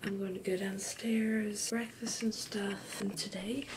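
Woman vlogger, quiet half-whisper, casual chat from a bedroom, noisy take with clicks. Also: medium pitch, flat delivery, measured pace. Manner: hushed, half-whispered morning voice. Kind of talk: casual day-in-the-life vlog. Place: her bedroom at home.

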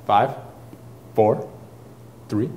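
A man's voice: lowish voice, fairly even intonation, extremely slow, warm tone, slight background noise. A young man hosting a trivia challenge, upbeat and teasing, laughing often. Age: young adult. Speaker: show host, quizmaster. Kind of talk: energetic video-challenge hosting.

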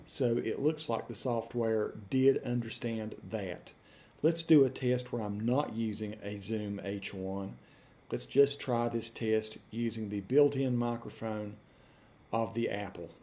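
Low, mellow Appalachian man. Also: fairly even intonation. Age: middle-aged. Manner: deliberate, spelling out punctuation while dictating. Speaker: software reviewer. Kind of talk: dictation test with casual commentary. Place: room at home, indoors.

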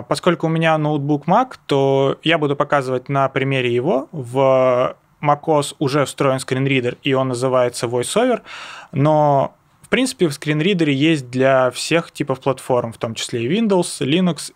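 A young man presenting an explanatory screencast lesson, talking informally and going through things step by step. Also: medium pitch. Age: young adult. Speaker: presenter of a web accessibility lesson. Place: indoors, seated at a computer.

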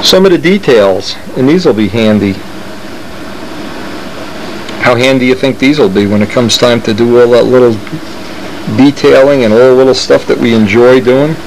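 Hobbyist man narrating his plans, excited and meandering, mid-pitched, with an air conditioner humming in the room. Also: moderate pace, long pauses, slight background noise, rough recording. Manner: enthusiastic, rambling, thinking aloud. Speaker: model aircraft builder showing plans. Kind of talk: casual show-and-tell narration.

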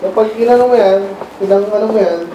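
A man's voice: sits high, fairly quick, mellow, highs cut off, a little hiss or hum. A man from the Philippines giving a conversational sermon as preacher, often stopping to quiz the congregation with questions. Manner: quizzes the congregation with frequent questions. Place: church hall. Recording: very echoey hall, mic far off.

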